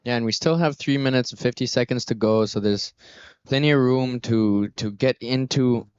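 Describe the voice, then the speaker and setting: A man's voice: mid-range voice, moderate pace, a little mellow, clear, resonant tone, muffled recording. A man giving live commentary as a surf contest announcer.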